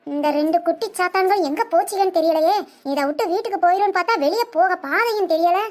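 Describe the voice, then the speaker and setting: A woman voicing a sharp-tongued, boastful older aunt in a comedic cartoon, scolding and quick with insults. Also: very high-pitched. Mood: fretful.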